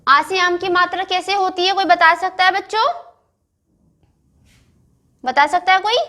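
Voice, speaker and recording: A woman teaches young children to read in a primary school phonics lesson, sounding out words syllable by syllable, asking questions and checking in with "theek hai." Her very high-pitched voice is bright and forceful, a little slow.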